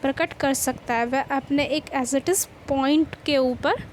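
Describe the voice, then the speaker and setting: High-voiced woman teaching a grammar lesson. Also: slow, a little hiss or hum, low-quality recording. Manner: explanatory, repeats questions to students.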